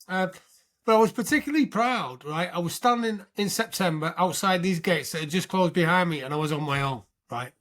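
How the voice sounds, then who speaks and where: A British man in his sixties, a veteran telling his life story as an interview guest, animated and often checking in with the listener. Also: high-pitched, brisk. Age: 60s. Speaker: podcast guest, military veteran.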